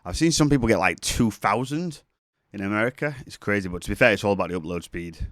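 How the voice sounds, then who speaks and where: Speaking fast and with lots of animation, a man with a lowish, fairly bright voice delivers a casual screen-share tutorial on music production. Though sniffly with a cold, he stays chatty, rambling and self-correcting, and the sound is studio quality with no room sound.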